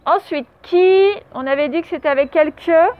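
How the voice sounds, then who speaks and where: Through a face mask, a female primary school teacher gives a spelling dictation, stretching out every syllable and saying the letters aloud. Her voice sits high, with fairly even intonation and a fast delivery. The sound is narrow and phone-like, with traffic noise coming in through open doors.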